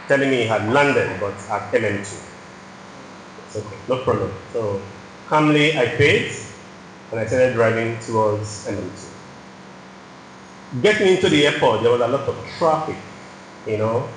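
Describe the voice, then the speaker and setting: A man's voice: mid-range voice, a little slow, pauses often, a bit bright, a little hiss or hum. A man with a Nigerian accent preaching a sermon in a church hall, telling a personal story and often adding "you know".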